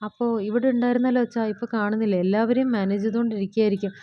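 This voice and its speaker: A woman casually retelling a TV serial episode in a rapid, chatty way, full of fillers and quick quoted lines. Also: on the high side, steady tone, dull audio.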